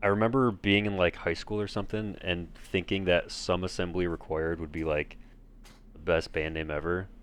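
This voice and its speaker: A man's voice: deep voice, steady tone, moderate pace, a little hiss or hum. A man co-hosting a podcast in casual chat, dry and teasing in a blunt way. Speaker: podcast co-host.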